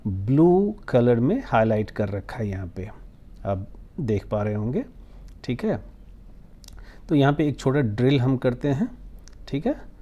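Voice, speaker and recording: Indian male teacher, patient explainer, very slow, mellow voice. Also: mid-range voice. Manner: explains patiently, switching between English and Hindi. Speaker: language teacher. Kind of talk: classroom lesson.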